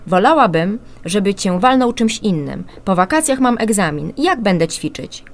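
A woman's voice: mid-range voice, lively intonation, moderate pace, close to an everyday voice. A woman doing a grumbling eleven-year-old girl. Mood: sulky.

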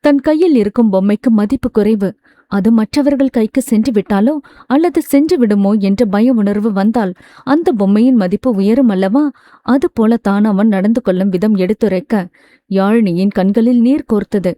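A woman reading a romance novel aloud as a steady, smooth storyteller. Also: medium pitch, moderate pace, no echo. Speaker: audiobook narrator. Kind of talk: scripted narration.

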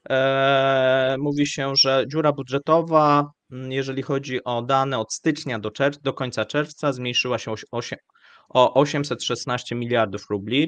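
A man hosting live economic commentary, speaking in a measured, hesitant way with frequent fillers. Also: mid-range voice, fairly bright tone, dry recording. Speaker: show host.

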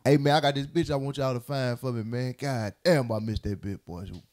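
A man's voice: mid-range voice, moderate pace, darkish tone. A man hosting a casual podcast, joking and laughing often with his co-hosts. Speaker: podcast host.

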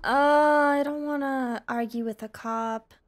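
A woman streamer giving casual, playful, expressive live commentary on a game. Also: high-pitched, a little slow, slight background noise.

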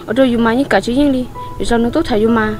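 A woman's voice: a little high, fairly even intonation, fast talker, over music, natural voice. A woman acting in an amateur drama, pleading and exclaiming as she speaks.

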